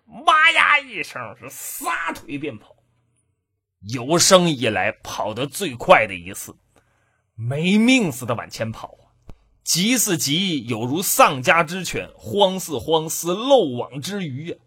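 A male storyteller spins a traditional comic tale with a high, bright voice. He delivers it in a lively, rhythmic, dramatic way, and his tone is husky at the edges. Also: slow pace.

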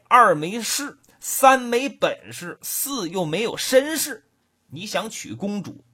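A sneering, taunting man belittling a farmer, husky voice, as a woman storyteller puts him on. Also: medium pitch, fairly bright tone, exaggerated voice.

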